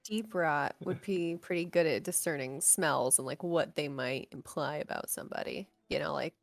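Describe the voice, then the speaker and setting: A woman's voice: low voice, moderate pace, gravelly. A woman chatting casually as a player in a tabletop game.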